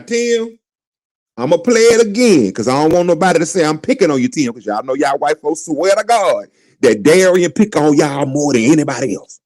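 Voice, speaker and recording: A man hosting a casual live stream, talking in an animated, mocking way and repeating his phrases for effect. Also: on the high side, normal speed.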